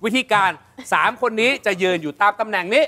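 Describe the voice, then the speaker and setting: A man hosting a TV game show, playful and loud, explaining the rules with bursts of shouting. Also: sits high, fast, a little hiss or hum. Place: TV studio with audience.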